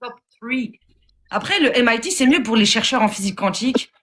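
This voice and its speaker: A young woman in a casual live chat, talking quickly and excitedly. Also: a little high, over a noisy crowd.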